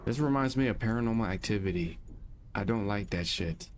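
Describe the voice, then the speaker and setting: A man's voice: on the low side, a little fast, slight background noise. A man giving casual let's-play commentary, joking, swearing, and talking to himself while playing. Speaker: gaming YouTuber.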